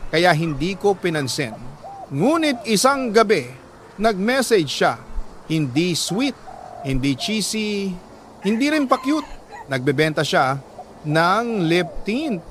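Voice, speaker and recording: As a radio storyteller, a man reads aloud a love letter sent in by a listener, narrating it in a sentimental, dramatic way with deliberate pauses. His voice is high and fairly bright.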